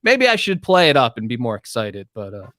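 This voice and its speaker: A man co-hosting a tech podcast in casual chat, animated and self-mocking. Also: medium pitch, a little fast, no echo, studio quality. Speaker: podcast co-host.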